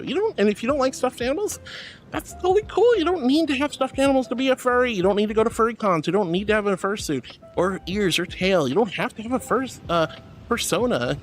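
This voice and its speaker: A woman hosting a casual livestream, reading chat aloud and replying affectionately with pet names, often giggly. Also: medium pitch. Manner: affectionate, uses pet names like honey and sweetie; giggly, laughs often while talking. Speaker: livestream host.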